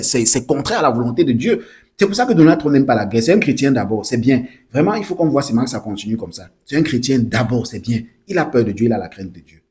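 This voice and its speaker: A man giving casual spoken commentary to his viewers, lively, often restarting and repeating himself. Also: mid-range voice.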